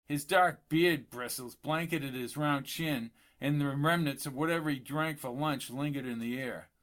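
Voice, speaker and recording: A man narrating a novel for an audiobook with a measured, deliberate reading. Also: a little high, a bit bright.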